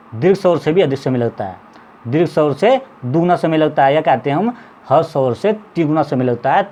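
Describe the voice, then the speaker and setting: A man's voice: on the high side, darkish tone. A man teaching a lesson to students, stretching out vowel sounds as examples, repeating a check-in phrase, and coughing now and then. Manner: drawn-out vowel demonstrations, repeats "ठीक है". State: occasional coughing. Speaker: Hindi teacher. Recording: slightly dull lo-fi audio with faint background noise.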